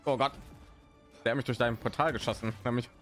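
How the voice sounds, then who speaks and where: A man playing a video game with a friend, excitable and loudly reacting to the action. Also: medium pitch, quick pace, faint music behind. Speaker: gamer playing co-op. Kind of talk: casual let's-play chat.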